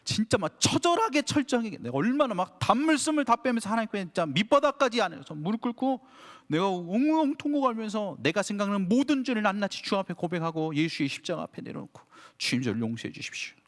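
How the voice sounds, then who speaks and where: A man, a pastor, preaching a sermon to a young adults' service, acting out his own prayers with animated storytelling and putting direct questions to the congregation. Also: sits high, fast talker. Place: church sanctuary. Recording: long hall reverb.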